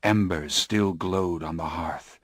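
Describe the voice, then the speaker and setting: A man reading an audiobook in scripted narration, hushed and low in the eerie passages and urgent in the action. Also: slow pace, no echo, clean studio sound.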